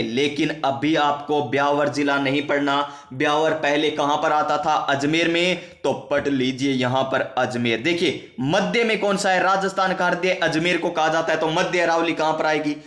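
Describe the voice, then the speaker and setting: A man's voice: a little high, fairly bright tone, reverberant. A male teacher giving an exam-prep geography lesson, asking and answering his own questions and repeating key facts. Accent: Rajasthani.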